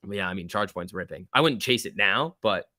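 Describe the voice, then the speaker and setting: A man's voice: deep voice, lively intonation, a little fast, sharp tone, no echo, studio quality. A man hosting a live stock trading stream, chatting casually in slangy, chummy off-the-cuff commentary as he answers viewers. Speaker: stock trading livestream host.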